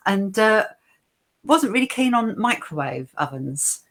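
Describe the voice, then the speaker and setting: A woman's voice: medium pitch, very animated, measured pace. A woman chatting casually as a guest on an online show, with a playful, teasing manner. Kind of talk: casual chat.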